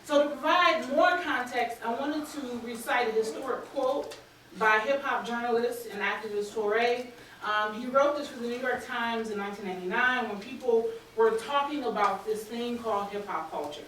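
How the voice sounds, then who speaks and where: A woman's voice: a little high, moderate pace, a bit bright, a little hiss or hum. A woman in her thirties giving a conference talk at a lectern microphone, speaking earnestly with frequent ums. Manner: earnest lecturing with frequent ums, reading quotes aloud. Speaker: academic speaker. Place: lecture hall, standing at a lectern. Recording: very echoey hall, heard from a distance.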